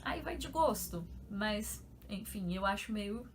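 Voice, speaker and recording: A young woman from São Paulo with a São Paulo accent, explaining things in a chatty, animated vlog style full of fillers. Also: medium pitch, slow pace, slight background noise. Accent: São Paulo Portuguese. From São Paulo, Brazil. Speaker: YouTuber.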